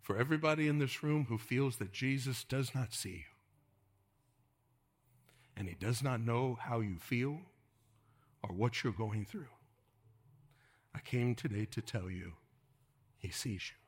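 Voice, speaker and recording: A man preaching a sermon to a congregation in a church, dropping to hushed whispers and rising to urgent calls, and leading the room in call-and-response. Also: medium pitch, measured pace, pauses often, breathy edge. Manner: swings from hushed whispers to raised exhortation, calls the congregation to repeat. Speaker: pastor.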